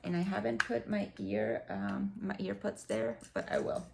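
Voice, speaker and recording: A Dominican beauty vlogger in her mid forties, a native Spanish speaker with a Dominican accent, chats casually through an unboxing, full of fillers. Her voice is on the low side, sing-song and creaky, at a moderate pace. She's in a room by a window, and faint street noise drifts in from outside.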